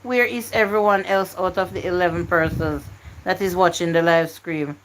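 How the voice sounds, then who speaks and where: A woman's voice: lowish voice, fairly even intonation, moderate pace, slight background noise, low-quality recording. A woman hosting a live stream word game, coaxing and pleading with her chat to join in.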